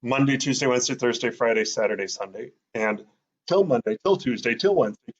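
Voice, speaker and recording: A man's voice: mid-range voice, a little fast, highs cut off. A man teaching in a casual, thinking-aloud way, with many fillers as he sounds out words. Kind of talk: casual explanatory lesson.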